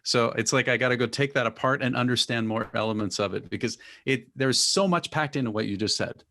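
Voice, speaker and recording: A man's voice: medium pitch, a little fast, bright, forceful tone, slight background noise. Enthusiastic male host. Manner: enthusiastic, summarizing and prompting with questions. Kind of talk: fireside chat interview.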